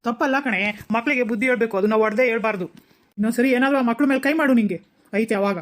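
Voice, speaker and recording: A woman voicing a middle-aged cartoon father who calmly lectures his wife and daughters. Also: fairly high pitch, racing, close to an everyday voice. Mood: lecturing. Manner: lecturing, reasoning.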